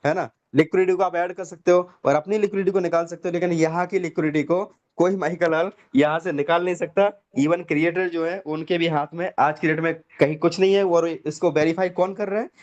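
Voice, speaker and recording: Man hosting a network marketing call, high voice, preachy and emphatic, motivational pitch. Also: darkish tone, muffled recording. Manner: preachy and emphatic, repeats "dosto". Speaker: network marketing session host. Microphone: video call.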